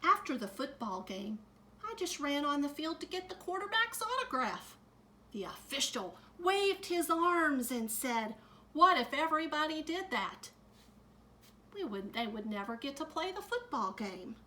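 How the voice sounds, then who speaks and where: A middle-aged woman teacher reading a picture book aloud to children, adding gentle comments as she goes. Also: high-pitched, big pitch swings, a little hiss or hum. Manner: slow, gentle storytime delivery with added comments to kids.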